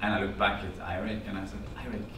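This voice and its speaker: Quick-paced and on the low side, a man in his fifties from Norway tells a personal story to a small audience in a Norwegian accent, animatedly gesturing and quoting family conversations. The echoey classroom-sized meeting room, complete with projector screen and background hum, is picked up by a distant camera with no visible mic.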